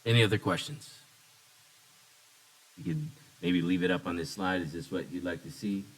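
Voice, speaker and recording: A man with a low, gravelly voice keeps a bargaining meeting moving. He speaks in short, practical remarks and passes the floor to others. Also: very animated, moderate pace, slight background noise, rough recording. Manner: brief, practical, moves the meeting along. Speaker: meeting facilitator. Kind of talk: procedural meeting talk.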